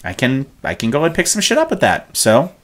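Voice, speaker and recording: Man in his forties, mid-pitched voice, lively intonation, rambling hesitant chat. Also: a little fast. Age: 40s. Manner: rambling, hesitant, many restarts. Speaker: podcast co-host. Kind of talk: casual chat.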